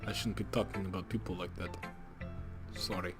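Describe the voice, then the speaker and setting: A man voicing a shy, polite bookish teen girl in a let's play, speaking softly and apologetically. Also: deep voice, little pitch movement, fairly quick, music in the background, pitched below the performer's own voice, close to an everyday voice. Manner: soft and apologetic. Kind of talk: let's play character reading.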